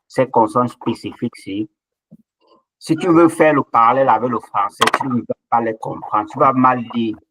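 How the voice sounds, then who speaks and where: A man's voice: mid-range voice, normal speed, fairly bright tone, a little hiss or hum, rough recording. A man patiently explaining letter sounds in an online language lesson. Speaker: language teacher. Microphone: online session microphone.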